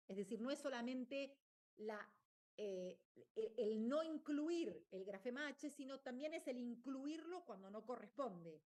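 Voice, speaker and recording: A woman teacher, explaining a lesson and often checking in with her listeners. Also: on the high side. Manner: explanatory, checks in with "¿está bien?". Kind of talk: online lecture.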